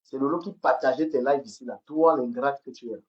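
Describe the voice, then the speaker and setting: A woman's voice: rumbling low, brisk, muffled recording. A woman from Cameroon, hosting a livestream and ranting angrily, repeating herself and stumbling over words. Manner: heated, repetitive, stammers on words. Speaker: livestream host. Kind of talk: angry livestream rant. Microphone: phone camera.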